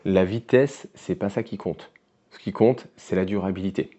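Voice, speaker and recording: Low mellow-voiced French man coaching. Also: moderate pace, highs cut off. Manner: casual, addresses viewer directly with frequent "d'accord?". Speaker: weight-loss coach. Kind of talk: direct-to-camera coaching talk.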